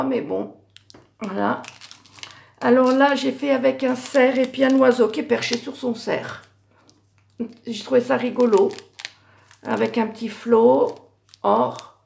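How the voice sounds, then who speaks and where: Hesitant gravelly-voiced woman. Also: a little high, slow, pauses often, a little mellow, slight background noise. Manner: hesitant, many fillers and self-corrections. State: voice going hoarse. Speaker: craft YouTuber. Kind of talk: casual show-and-tell of handmade cards.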